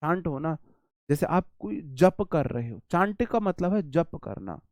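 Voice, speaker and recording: A man with an Indian accent teaching a vocabulary lesson for exam students, animated and repetitive, with chatty asides. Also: a little high, measured pace, dry recording, clean studio sound.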